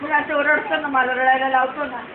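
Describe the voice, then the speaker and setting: An older woman complains in a whiny, repetitive way during casual family chat. Her voice sits high. It comes through a tinny phone-like recording in an echoey room with clear background noise. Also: flat delivery, normal speed.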